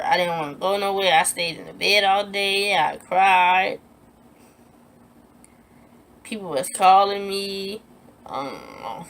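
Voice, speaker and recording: A young woman telling a personal story in a storytime vlog, animated and emphatic, acting out what people said in a raised voice and repeating herself when upset. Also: fairly low pitch, slight background noise. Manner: animated, acts out quoted lines in a raised voice.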